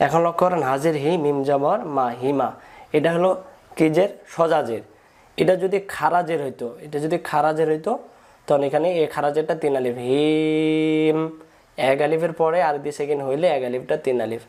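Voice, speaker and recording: A man's voice: a little high, brisk, a little mellow. A man teaching Quran reading, patiently spelling out letters and drawing out long vowels, repeating each step. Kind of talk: slow step-by-step recitation lesson.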